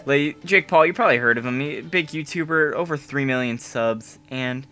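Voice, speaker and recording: A man's voice: medium pitch, moderate pace, bright, forceful tone. A man co-hosting a casual live podcast, rambling along with lots of fillers. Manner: rambling, filler-heavy, easygoing. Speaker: podcast co-host.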